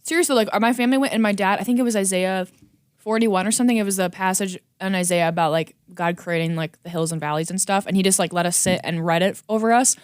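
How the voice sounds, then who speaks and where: A woman's voice: medium pitch, fast, clean tone, dry recording, studio quality. A young woman chatting as a podcast guest, giggly and talkative, often trailing off mid-sentence. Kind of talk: casual chat.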